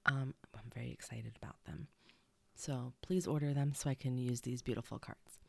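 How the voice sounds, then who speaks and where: A woman's voice: a bass voice, steady tone, normal speed, gravelly, dark tone, dry recording. A young woman hosting a casual podcast, chatty and rambling with side stories, her nose stuffy. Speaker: podcast host. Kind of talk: casual solo podcast chat.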